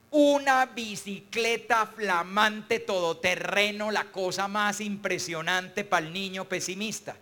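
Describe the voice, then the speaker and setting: A man's voice: sits high, pushed and bright. An older Colombian man, a priest giving a motivational talk in a folksy, storytelling way. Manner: folksy, storytelling, acts out quoted voices. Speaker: priest and speaker.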